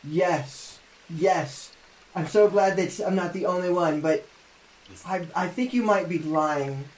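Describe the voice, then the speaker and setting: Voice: medium pitch, slow, a little mellow, natural voice. A player voicing a wary, clannish elf prisoner in a tabletop game, speaking earnestly and grimly. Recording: echoey room.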